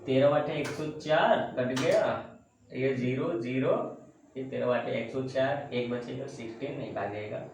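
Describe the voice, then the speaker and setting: A man's voice: mid-range voice, measured pace, darkish tone. A male teacher explaining a math lesson to students, calling them beta and voicing their questions himself. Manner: calls viewers beta and bachcha, voices students' questions himself. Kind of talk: classroom math lesson on video. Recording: very echoey room, faint ambient noise.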